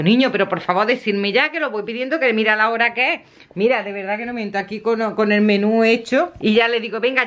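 A woman's voice: on the high side, fairly bright tone, dull audio. A woman, chatting casually in her vlog, laughing often and acting out what others said. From Spain. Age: 50s. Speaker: vlogger.

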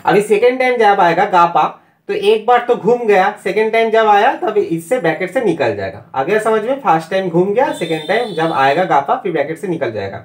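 A man's voice: high-pitched, big pitch swings. Patient Indian man teaching harmonica notation. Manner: patient, step-by-step, slowly sings out sargam note names. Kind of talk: music lesson explaining notation.

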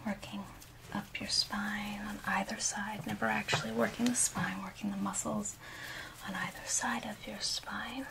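This breathy whisper belongs to a woman in her thirties guiding a calm, instructive ASMR massage role play inside a small room. Her pitch is medium and her delivery flat, at an ordinary speed. Rubbing sounds come through on a clearly noisy recording.

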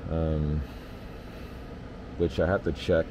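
A man, an HVAC technician, giving a relaxed hands-on explanation of system readings in a basement furnace area, with lots of fillers. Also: a bass voice, slow pace, noisy background.

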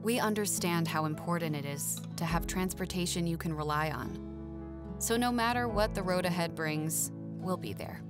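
A woman giving a calm scripted commercial narration. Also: on the low side, moderate pace, over music.

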